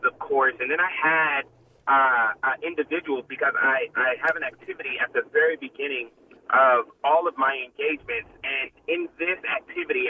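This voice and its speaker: A man calling in from his car over a clipped hands-free phone line, speaking in a measured, thoughtful way with restarts. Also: mid-range voice. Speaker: guest speaker. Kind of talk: casual interview answers. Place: moving car. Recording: dull phone line with faint road noise.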